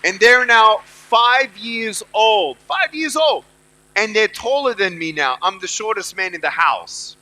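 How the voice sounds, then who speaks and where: A man's voice: sits high, measured pace, few pauses, sharp tone, poor audio. A middle-aged man giving a motivational speech to students at a university event. He talks emphatically and repeats his key phrases. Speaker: motivational speaker.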